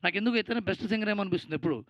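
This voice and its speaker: A man's voice: high-pitched, very fast, a bit bright, no echo, low-quality recording. A Telugu-accented man giving a producer's speech at a film event, rambling, thankful and teasing. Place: event stage.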